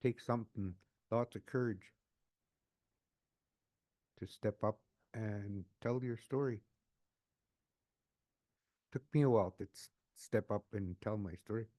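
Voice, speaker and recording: A man in his sixties telling his own life story, unscripted and emotional, often halting and repeating words as he restarts a phrase. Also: on the low side, warm tone, dry recording, studio quality. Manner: emotional, earnest. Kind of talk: personal testimony, unscripted.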